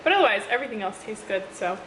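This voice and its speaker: A woman talking casually in a book vlog, chatty and quick to laugh, often saying "like". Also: medium pitch, lively intonation, far from the mic, noisy background. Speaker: book vlogger. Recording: roomy, from a little off-mic.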